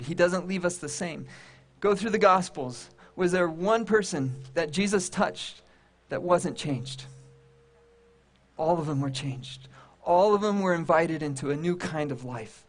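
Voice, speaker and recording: A man preaching a sermon to a congregation, with emphatic, repetitive phrasing and dramatic pauses. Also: fairly high pitch. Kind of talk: sermon to a congregation and online audience.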